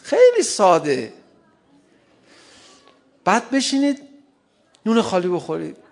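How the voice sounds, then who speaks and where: A man's voice: high voice, huge pitch swings, creaky. A middle-aged man giving a humorous lecture to an audience, often laughing and acting out short dialogues. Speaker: speaker addressing an audience on parenting. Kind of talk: lively lecture.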